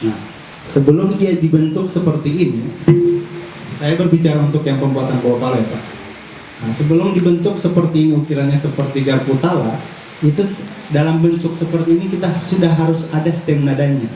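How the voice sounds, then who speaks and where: A man's voice: a little high, brisk, dark tone. Man explaining in an echoey hall. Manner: plainspoken, explains step by step while tapping an instrument. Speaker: instrument maker demonstrating at a workshop. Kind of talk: explanatory workshop demonstration. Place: large hall. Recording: roomy echo, distant mic, audible room noise.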